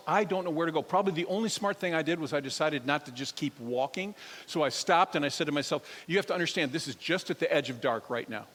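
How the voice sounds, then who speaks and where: A male pastor preaching a sermon to a church crowd, telling a personal story in an animated way and speaking straight to the listeners. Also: a little high. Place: church sanctuary. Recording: long hall reverb.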